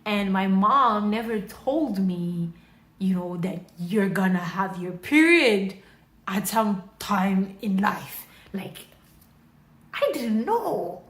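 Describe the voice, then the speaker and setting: Young woman from Mozambique, chatty storyteller, slow and unhurried, roomy echo, phone-recorded vlog. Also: medium pitch. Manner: animated, chatty storytelling, heavy fillers. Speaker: vlogger. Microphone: phone camera. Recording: roomy, echoey room.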